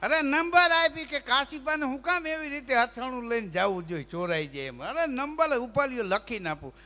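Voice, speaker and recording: A man telling comic folk stories, animated and mimicking characters with stammers and snatches of song. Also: very high voice, normal speed, big-room sound. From Gujarat, India. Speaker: folk storyteller and humorist.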